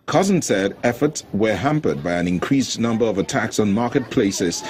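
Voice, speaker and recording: A man's voice: lowish voice, animated, moderate pace, a little mellow. A man reading a scripted news voice-over as a reporter.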